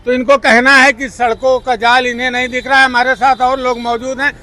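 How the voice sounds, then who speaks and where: A man's voice: very high voice, little pitch movement, brisk, pushed and bright, soft background music. A man reporting on the street, firing pushy, leading questions at passers-by outdoors. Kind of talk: provocative street interview.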